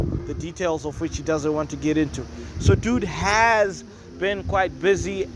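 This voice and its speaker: Male host, high voice, noisy room with music behind, loose opinionated commentary. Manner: chatty, opinionated, rambling asides. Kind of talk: casual commentary. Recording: noisy with loud music nearby. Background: neighbours' music and noise.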